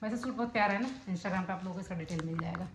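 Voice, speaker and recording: A woman's voice: lowish voice, very fast, very noisy. A young woman and mother chatting casually in a home vlog while coaxing and scolding her small children. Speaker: vlogger and mother.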